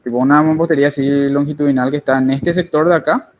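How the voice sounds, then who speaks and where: A man's voice: on the high side, steady tone, quick pace, dull audio. A man giving an online engineering tutorial, explaining while he draws and often checking with tag questions.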